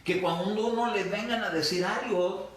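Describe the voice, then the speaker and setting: A man's voice: high voice, normal speed. A male pastor preaching a sermon, telling a personal story with hesitant restarts and acted quotes. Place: church hall. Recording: echoey hall, distant mic.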